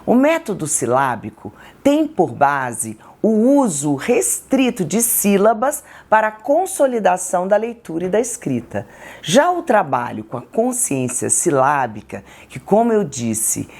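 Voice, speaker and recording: Brazilian woman explaining reading lessons, slow and careful, voice goes up and down a lot. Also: on the low side, sing-song, darkish tone, husky. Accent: Brazilian Portuguese. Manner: slow, deliberate, syllable-by-syllable examples. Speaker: textbook author explaining literacy teaching. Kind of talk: educational explainer.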